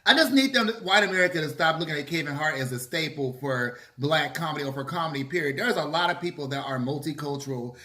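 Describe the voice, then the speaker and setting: Sassy, bright-voiced man in an echoey room. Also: fairly high pitch, fast talker, hardly any pauses. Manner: opinionated, sassy, emphatic, swearing slangy talk. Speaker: vlogger hosting a mukbang. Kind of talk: casual chit-chat to camera while eating. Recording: roomy, echoey room sound.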